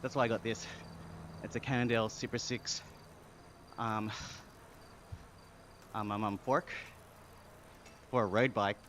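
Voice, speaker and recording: A young Australian man from Sydney chatting casually on a live stream, relaxed and talkative as he reads and answers chat. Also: on the low side, measured pace, pauses often. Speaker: livestreamer. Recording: clear background noise with insects.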